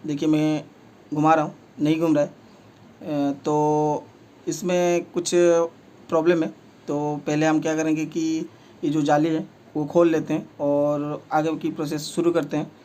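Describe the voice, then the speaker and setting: This repair technician has a mellow, fairly high-pitched voice. He talks while his hands are busy, plainly describing every step of repairing a table fan and using many fillers.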